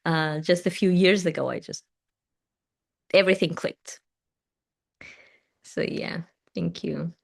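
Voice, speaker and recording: A woman with a Portuguese accent speaks English as a second language in a fairly low, steady voice with vocal fry, taking it slowly and pausing often. Hosting a live tarot and meditation stream, she answers comments gently and soothingly, her sentences often trailing off softly.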